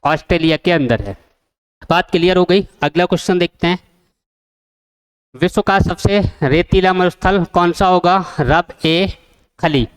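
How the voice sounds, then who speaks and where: A man's voice: high-pitched, measured pace, pauses often, clear, resonant tone. A man teaching an exam-prep geography lesson, asking the class questions and repeating the answers. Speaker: coaching teacher.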